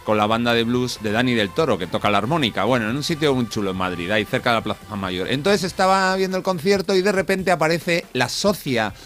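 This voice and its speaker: A man's voice: mid-range voice, fast talker. Guy on the radio telling a story, acts out all the bits, faint music under him. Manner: animated storyteller who acts out the voices in his story. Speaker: radio show co-host. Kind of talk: casual radio banter, telling an anecdote. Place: radio studio. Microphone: studio microphone.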